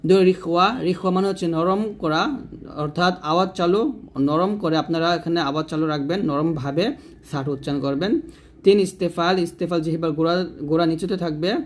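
Male recitation teacher, fairly high voice, patient, repetitive demonstrations. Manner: slow, repetitive, demonstrates letter sounds; addresses viewers directly. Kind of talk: tajweed lesson.

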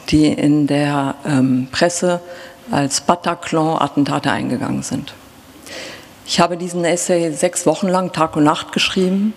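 A middle-aged German author speaking on stage, thoughtful and halting, pausing often and filling gaps with hesitations. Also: female voice, on the low side. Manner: thoughtful, halting, with pauses and fillers. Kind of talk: reflective talk before a reading. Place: large theatre stage. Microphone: stand mic, seated. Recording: reverberant hall.

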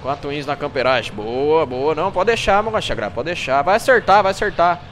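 Brazilian guy streaming a shooter, fired up, trash talk, kinda high voice, faint hum behind. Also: brisk. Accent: Brazilian Portuguese. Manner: excitable, trash-talking, greets chat viewers. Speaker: game streamer. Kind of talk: live gameplay streaming chat.

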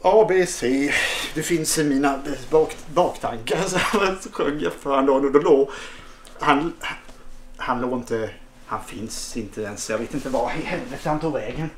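A man's voice: medium pitch, slight background noise. A man telling a crude, absurd comic story, stammering and hesitating often. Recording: echoey room.

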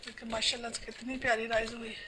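A home cooking channel host, a woman, talks through a recipe step by step while she cooks in her home kitchen. Her voice sits on the high side and moves fast, yet she stays calm and instructional as she works. It was captured on a noisy home phone.

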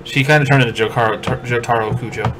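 A man in casual let's-play banter, calmly explaining the game's story and giving hints. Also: medium pitch, fast talker, music in the background, poor audio. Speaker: co-host explaining the game.

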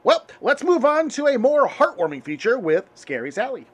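A dry, matter-of-fact puppet news anchor, voiced by a man. His voice is high and animated, rising and falling through deadpan lines. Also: moderate pace, slightly rough, heavily acted. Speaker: host. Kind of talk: comedic spoof news.

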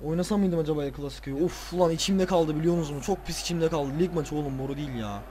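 A man's voice: fairly high pitch, fast, background noise. Tired man ranting over a football game. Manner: swears and rants at players, excitable outbursts. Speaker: gaming video creator. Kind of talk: casual football game commentary.

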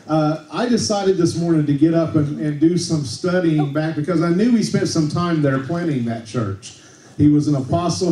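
A man's voice: on the high side, mellow, slight background noise. Conversational preacher man in echoey church. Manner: conversational, tag questions like okay, frequent restarts. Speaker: pastor. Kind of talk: sermon. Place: church sanctuary. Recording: echoey church room, mic at a distance.

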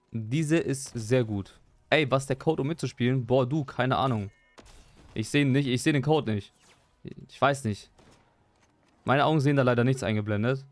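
A young man chatting live while he plays a game, excitable, repeating his exclamations and joking at his own expense. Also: medium pitch, no room sound. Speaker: gaming streamer. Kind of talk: live gameplay stream chat.

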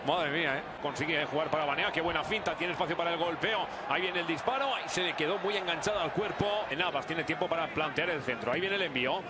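A man doing live football play-by-play, excitable and surging into drawn-out shouts at goals. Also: a little high. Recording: very noisy outdoor stadium ambience.

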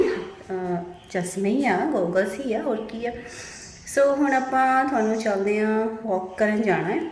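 A woman's voice: on the high side, darkish tone. A middle-aged woman from India with a Punjabi accent, chatting to viewers while walking outdoors and repeating her phrases. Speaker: vlogger. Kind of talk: casual walking vlog. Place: outdoors on a neighbourhood street. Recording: outdoor recording with clear street noise.

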